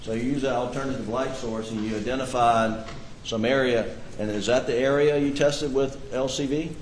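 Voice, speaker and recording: In an echoey courtroom feed with faint hiss, a defense attorney cross-examines a witness. His medium-pitched voice stays fairly even at a normal speed as he presses with pointed leading questions.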